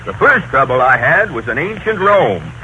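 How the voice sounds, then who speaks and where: An actor playing a grumpy, folksy old Santa Claus in 1930s radio comedy, with rustic, ungrammatical speech. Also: male voice, mid-range voice, sing-song, moderate pace, bright, forceful tone, muffled recording. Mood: grumpy, aggrieved. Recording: noisy 1930s radio broadcast recording.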